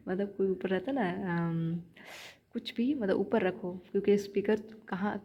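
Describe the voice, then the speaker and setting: A woman's voice: medium pitch, unhurried, breathy edge, dull audio. A young woman giving chatty shorthand practice tips in a casual vlog, repeating her points as she coaches viewers. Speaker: shorthand learner vlogger.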